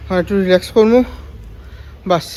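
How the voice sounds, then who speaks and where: A man with a high voice and a Sylheti accent chats informally to viewers as the host of a challenge channel. The recording is raw and homemade, with some noise behind him. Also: brisk, darkish tone. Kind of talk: casual chat to viewers. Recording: faint noise, unedited home video.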